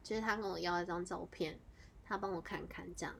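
A woman, hosting a podcast and casually telling a story in a chatty, animated way, running her clauses together with fillers. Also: quick pace, gravelly, slight background noise. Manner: animated, jumps into high excited exclamations. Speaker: podcast host.

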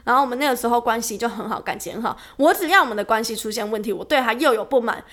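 A young woman, co-hosting a casual podcast chat and telling stories in an animated way with frequent laughs. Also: on the high side, racing. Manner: animated storytelling, laughs often. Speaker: podcast co-host.

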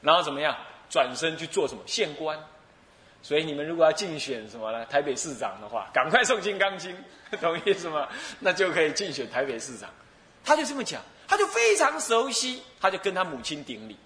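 A Buddhist abbot preaches in a high, bright voice that rises and falls with great life. He tells stories with humor, chuckles often, and acts out the people he quotes. The sound rings in an echoey hall. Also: very animated, brisk. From Taiwan. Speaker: Buddhist abbot teaching a sutra. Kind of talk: sermon lecture with storytelling.

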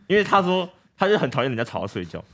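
A man telling a childhood story in a casual podcast chat, animated, laughing and restarting often. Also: a little high, rapid-fire, gravelly. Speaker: guest storyteller.

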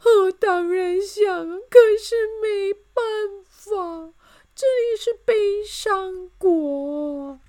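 A woman voicing a shrill, weepy king. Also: drawn-out words, dark tone, heavily acted. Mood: wailing. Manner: wailing, sobbing, shrill. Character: weepy, easily shocked male king.

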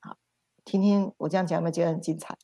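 Animated woman storyteller. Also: on the low side, very fast. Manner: animated, repetitive retelling with sound words. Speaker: spiritual teacher. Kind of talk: livestream storytelling talk.

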